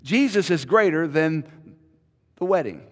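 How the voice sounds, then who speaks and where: Here the preacher, a man in his thirties, sounds on the high side, expressive and a little slow, pressing each point through emphatic repetition. The setting is a big indoor sanctuary; a podium mic records him while a camera films from afar, leaving a long reverberant tail.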